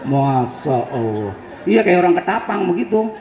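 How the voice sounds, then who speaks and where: A man's voice: high voice, very animated, normal speed, a little mellow, slight background noise. A male preacher telling a joking, teasing story in a sermon. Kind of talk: humorous sermon. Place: event hall on a campus. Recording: echoey hall with faint crowd.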